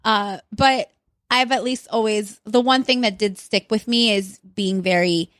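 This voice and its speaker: A woman's voice: mid-range voice, steady tone, measured pace, dry recording, studio quality. Chatty woman podcast co-host. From Long Island, New York. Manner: chatty, says "like" often. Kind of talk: casual chat.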